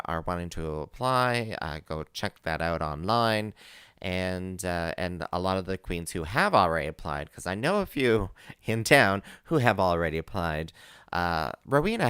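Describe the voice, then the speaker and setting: Low, lively-voiced man hosting live radio. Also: smooth, no room sound, clean studio sound. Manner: rambling, many fillers, laughs easily. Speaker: community radio host. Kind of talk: casual live radio chat.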